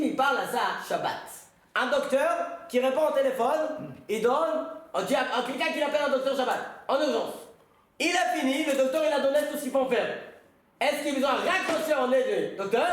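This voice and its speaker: Speaking a little fast and with plenty of animation, a rabbi with a very high-pitched voice leads a casual religious class. He tells stories, asks the audience questions, and the recording carries a strong echo.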